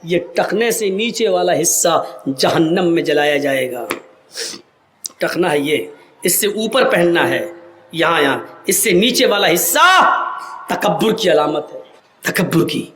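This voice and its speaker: A male preacher delivering an impassioned sermon at a religious gathering, often breaking into shouts. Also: fairly high pitch, animated, echoey room.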